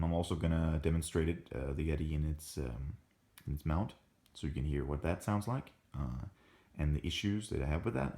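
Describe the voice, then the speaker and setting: Unboxing a product casually indoors, a tech reviewer talks in a very deep, creaky voice. His speech is halting, full of ums and false starts.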